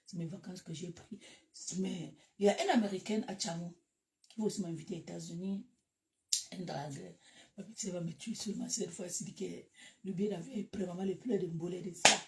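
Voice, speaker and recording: A woman with a Cameroonian French accent chatting casually to her followers, animated and breaking into loud bursts. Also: on the low side, a little hiss or hum. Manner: animated, laughs loudly, shifts to loud bursts. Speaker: social media live host. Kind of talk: casual live chat to followers.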